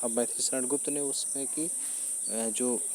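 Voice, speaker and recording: A man of ordinary pitch, teaching a classic poem. He recites each verse deliberately and then unpacks it in a patient, repetitive way, filling his pauses with small hesitations. Faint background noise sits under his voice. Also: steady tone, darkish tone. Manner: recites verse lines slowly, then paraphrases them with frequent fillers and repetition. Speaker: teacher explaining Hindi poetry. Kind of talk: explanatory lecture on a poem.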